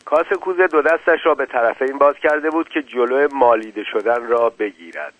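A man reads a novel aloud at a steady, measured pace. His voice sits at an ordinary male pitch. The recording is dry and dull, like an older lo-fi audiobook. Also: no echo. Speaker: audiobook narrator. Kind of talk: scripted novel narration.

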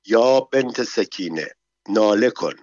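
Man voicing a sly servant guy, coaxing and eager, a bit low, dry dull audio. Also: no room sound, natural voice. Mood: hushed. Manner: coaxing, lively, in broken foreign phrases.

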